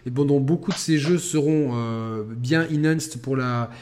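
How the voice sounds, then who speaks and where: A man hosting a casual gaming podcast, talking with animated stops and restarts. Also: medium pitch, measured pace. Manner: animated, stumbling restarts, laughing storyteller. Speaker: podcast host.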